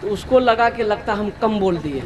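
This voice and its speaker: A man from Bengal giving an animated sermon to a seated gathering, questioning his listeners and slowing down for emphasis. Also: high-pitched. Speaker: Islamic preacher. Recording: live gathering with crowd noise. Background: seated crowd of listeners.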